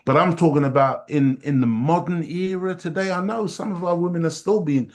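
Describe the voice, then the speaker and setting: A middle-aged Jamaican man speaking to a study group gives an impassioned community teaching talk in a slightly high voice at a brisk pace. Emphatic and preacher-like, he repeats phrases for weight.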